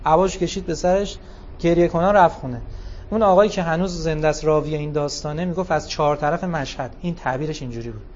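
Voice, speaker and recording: A man giving a sermon, telling stories with animated, rising emphasis. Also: a little high, highs cut off, a little hiss or hum. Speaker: religious speaker. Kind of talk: sermon with storytelling.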